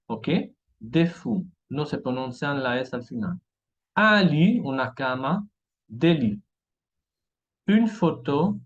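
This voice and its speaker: Slow, patient man teaching French words. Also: mid-range voice, dull audio. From French-speaking Europe. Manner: patient, repeats each word slowly with "¿ok?" checks. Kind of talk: language lesson in Spanish.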